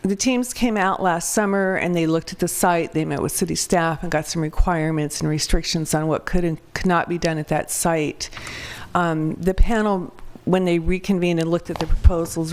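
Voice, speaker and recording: Woman, raspy hoarse voice, lowish pitch, formal council presentation. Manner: orderly, reads through points with some fillers. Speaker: public art consultant.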